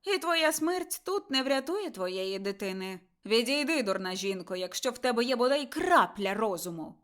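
A woman voicing a cruel male dark lord with a high, hissing, cold voice in an audiobook. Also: animated, normal speed. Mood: mocking threat.

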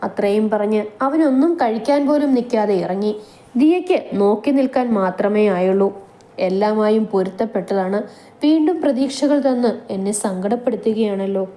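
A woman narrating a romantic story in a calm, even storytelling manner. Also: mid-range voice, normal speed.

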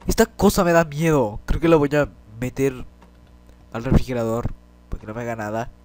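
A man's voice: mid-range voice, brisk, darkish tone. Man, congested from a cold, jumpy let's-play commentary, swearing, desk mic. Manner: jittery, swears, yelps when startled. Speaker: gameplay commentator. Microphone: desk microphone.

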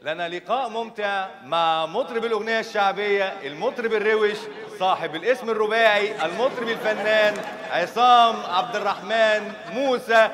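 A man's voice: high voice, fairly quick, crowd noise, voice pushed up, natural voice. A man playing a showy wedding announcer who draws out his words as he introduces a singer. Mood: hyped. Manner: announcing, drawn out.

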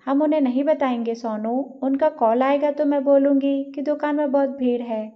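A woman's voice: high-pitched, fairly even intonation, moderate pace, natural voice. A woman voicing a determined young woman who speaks earnestly and pleads for help. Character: determined young woman, worried for her family. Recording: dull lo-fi recording.

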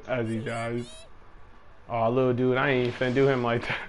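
A man's voice: mid-range voice, level tone, unhurried, slight background noise. A young man streaming a video game, chatting casually with slangy banter and laughing a lot. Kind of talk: casual gaming chat.

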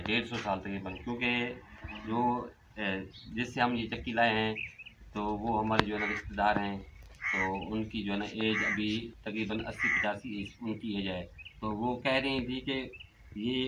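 A middle-aged man hosting a family vlog outdoors in a village courtyard, talking in a chatty, reflective way with many fillers, filmed by a camera a few meters away. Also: lowish voice. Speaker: vlog host. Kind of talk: casual family vlog talk. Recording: outdoor recording with background noise.

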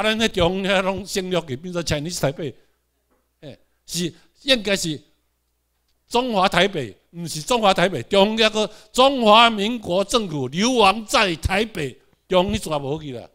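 In a high, pushed, bright voice, a Taiwanese-accented man delivers a classroom lecture. He throws rhetorical questions at the audience, has them repeat words back, and mixes in English.

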